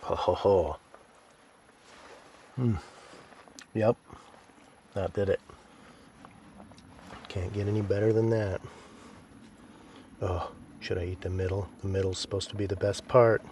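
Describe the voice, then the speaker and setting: Slow, low-voiced man cooking at camp. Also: slight background noise. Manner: relaxed, chatty, talks to his animals. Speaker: outdoor cooking vlogger. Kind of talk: casual camp-cooking narration. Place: outdoors at a wilderness camp by a creek.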